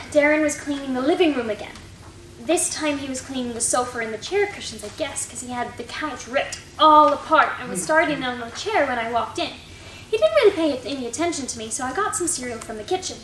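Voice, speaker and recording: A high-pitched, guileless little schoolgirl played by a woman rattles on through her class report in a staged reading. The sound is distant and roomy, with faint noise. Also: fairly bright tone.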